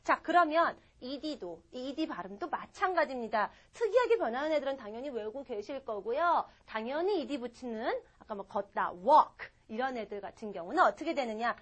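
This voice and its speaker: Woman, English teacher, high pitch, patient and repetitive, models sentences and sounds. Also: expressive, a bit bright. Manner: patient, explains slowly and repeats example sentences; models sounds with short whispered consonants. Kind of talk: recorded English grammar lecture.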